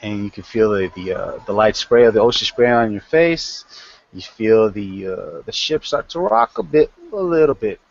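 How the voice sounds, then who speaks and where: A man's voice: on the low side, very animated, moderate pace, creaky, no echo. Rambling game master voice, male, muffled and dry. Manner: rambling, many restarts. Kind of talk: narrating a tabletop game.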